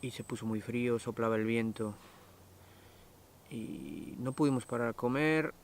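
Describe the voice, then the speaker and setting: A man from Mexico, a touring cyclist, speaking with a Mexican accent, calm and reflective. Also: mid-range voice, moderate pace, slight background noise. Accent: Mexican Spanish. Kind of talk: interview recollection.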